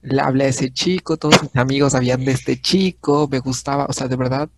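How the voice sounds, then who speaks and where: A man's voice: mid-range voice, a little fast, heavy background noise. A young man in his twenties with a Mexican accent, co-hosting a casual podcast and telling a story with frequent laughter. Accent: Mexican Spanish. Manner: lively storyteller, laughing often. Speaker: podcast co-host. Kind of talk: casual chat.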